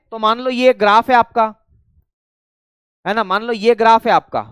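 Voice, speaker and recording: Clear-voiced male teacher drilling lessons. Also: high-pitched, a bit bright, no echo, studio quality. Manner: repeats key phrases slowly to drill them in; addresses students directly and often, chatty asides. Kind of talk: online exam-prep class lecture.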